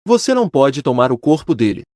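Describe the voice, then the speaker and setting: A man voicing a scheming, menacing old male monk who speaks in slow, deliberate threats. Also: medium pitch, very animated, darkish tone, dry recording, studio quality, lightly acted. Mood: wary.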